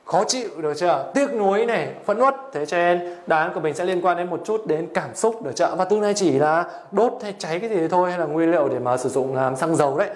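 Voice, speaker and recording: Brief: young male teacher, high voice, exam-prep lesson, keeps asking rhetorical check-in questions. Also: fast talker, few pauses. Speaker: Japanese language teacher.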